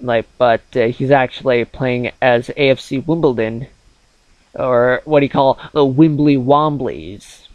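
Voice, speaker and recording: A man's voice: medium pitch, a little slow, no echo, phone-quality sound. A man of twenty-one chatting casually over gameplay as a gaming channel host, rambling with many fillers.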